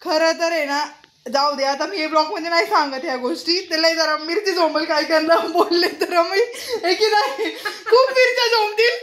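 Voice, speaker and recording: A woman's voice: very high voice, normal speed, a bit bright, reverberant, slight background noise. A young woman with a cold and cough, chatting and teasing playfully with her mother in a casual home vlog. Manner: playful, teasing, laughing often. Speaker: vlogger. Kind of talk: casual family vlog chat.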